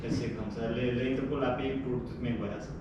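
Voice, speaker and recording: A man with a foreign accent in French, giving an informal live presentation haltingly, repeating and searching for his words. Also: mid-range voice, steady tone, dull audio. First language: not French. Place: echoey room, presenting to a group. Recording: echoey, distant, noisy room.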